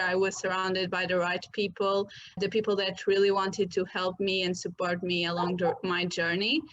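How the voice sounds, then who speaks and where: A woman's voice: medium pitch, a bit bright. A woman, a guest talking casually about her work in loose, upbeat phrasing. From Portugal. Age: 20s. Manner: upbeat, loose non-native phrasing with fillers. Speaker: guest, marketing agency founder. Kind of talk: casual interview conversation. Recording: dull lo-fi sound.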